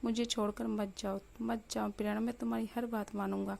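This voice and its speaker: A woman's voice: medium pitch, little pitch movement, brisk, creaky, darkish tone. A woman voicing a desperate young husband, pleading frantically in a story reading.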